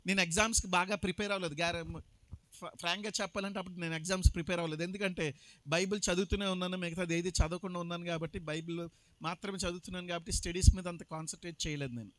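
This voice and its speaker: A man's voice: high-pitched, steady tone, racing, fairly bright tone, no echo. A man preaching his testimony as a pastor, emphatic and slipping English phrases into his talk. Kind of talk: sermon testimony.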